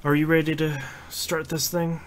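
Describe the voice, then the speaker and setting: A man's voice: fairly high pitch, level tone, normal speed, a little hiss or hum. A man co-hosting a podcast in casual chat, easygoing and joking, mostly giving brief replies. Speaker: podcast co-host.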